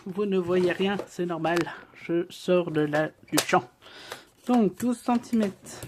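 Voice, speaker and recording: A woman leads a casual, hands-on craft tutorial. She chats freely as she works and keeps checking in with her viewers. Her voice sits at an ordinary middle pitch. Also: background noise. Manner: chatty, talks straight to viewers with frequent check-ins. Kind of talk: casual step-by-step craft demonstration.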